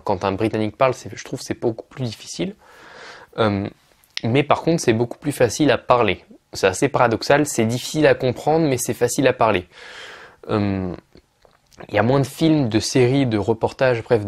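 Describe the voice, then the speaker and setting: Casting note: French man, low-ish voice, casual online English tutor, halting delivery with fillers. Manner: hesitant, many fillers and restarts. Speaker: English teacher.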